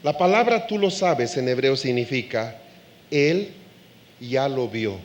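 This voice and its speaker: A man preaching a sermon to a live congregation, animated, acting out quoted voices and laughing along with the audience. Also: medium pitch, takes it slowly.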